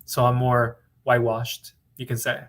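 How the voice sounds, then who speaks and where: Bright-voiced confident man from California. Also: mid-range voice, completely flat delivery, normal speed. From Orange County, California. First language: bilingual in English and Spanish. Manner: confident, rambling, repeats himself. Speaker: business funding broker hosting a livestream. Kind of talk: casual livestream talk answering viewers.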